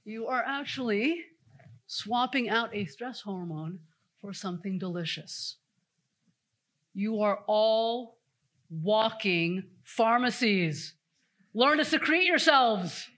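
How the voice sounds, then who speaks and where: A woman giving an energetic conference talk, telling stories and speaking straight to the audience. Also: mid-range voice, slow pace. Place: conference stage before an audience.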